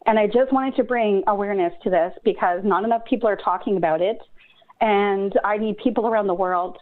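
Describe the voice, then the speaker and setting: A woman's voice: mid-range voice, brisk. Woman from Canada, phone-in caller, earnest and urgent, tinny line. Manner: earnest, urgent, getting emotional. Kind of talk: phone-in call.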